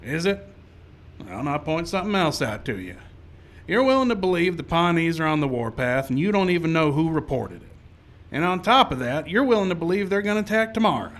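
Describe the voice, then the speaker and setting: A man playing a calm, skeptical frontier marshal in a live radio western, measured, dry and authoritative. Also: on the high side. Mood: stern. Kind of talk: live old-time radio western acting.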